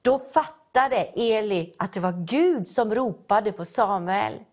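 A woman's voice: mid-range voice, lively intonation, darkish tone. A woman preacher, giving a sermon and telling a Bible story, acting out its characters' voices. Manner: acts out story voices, calling out.

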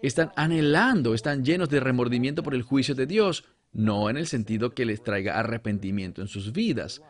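A man preaching an expository sermon, emphatic, asking rhetorical questions and slowing down to read scripture aloud. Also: medium pitch, animated.

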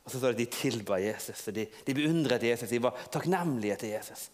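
A man preaching in an informal storytelling way, halting and restarting often. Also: mid-range voice, animated. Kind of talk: sermon.

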